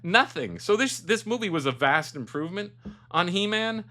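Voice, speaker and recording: A middle-aged man co-hosting a casual movie review chat, animated and ranting, acting out lines in put-on voices. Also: high-pitched, normal speed. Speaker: podcast co-host.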